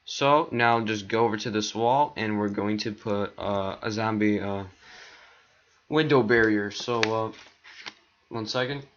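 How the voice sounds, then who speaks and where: On a dull lo-fi mic with a bit of hiss or hum, a man with a low-leaning, fairly bright voice speaks a little slowly. He's making a casual screen-recorded tutorial, clicking through steps, rambling with many ums, his voice sometimes cracking.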